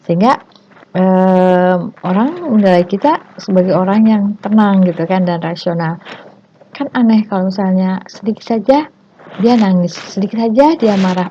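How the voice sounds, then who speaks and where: A woman teaches in a relaxed, chatty way, leaning on tag phrases and now and then acting out overdone greetings in a high squeal. Her voice is warm and mellow at a middling pitch. The recording sounds muffled, with a faint hiss behind it. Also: moderate pace. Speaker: teacher giving self-development tips. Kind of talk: casual spoken lesson.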